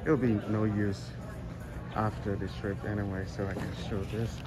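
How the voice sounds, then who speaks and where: Man vlogging casually amid clear background noise. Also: on the low side, flat delivery, moderate pace. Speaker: travel vlogger. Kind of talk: casual walking vlog narration. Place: large indoor airport terminal. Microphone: phone held at arm's length. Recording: noisy airport terminal ambience. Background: clear terminal ambience noise.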